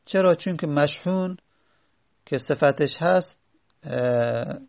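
Male teacher with a gravelly, somewhat high voice, reading a text and then patiently explaining it. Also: darkish tone. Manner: reads an Arabic text aloud, then explains it slowly with many pauses and fillers. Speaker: Arabic grammar teacher. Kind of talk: classroom lesson explaining Arabic morphology.

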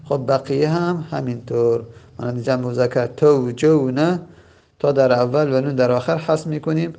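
A man teaching a grammar lesson, repeating each form slowly and spelling it out, with frequent hesitant fillers. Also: mid-range voice, steady tone, gravelly, mellow, lo-fi sound. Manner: patient, repeats forms slowly and spells them out; hesitant fillers between points. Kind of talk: lecture on Arabic verb morphology.

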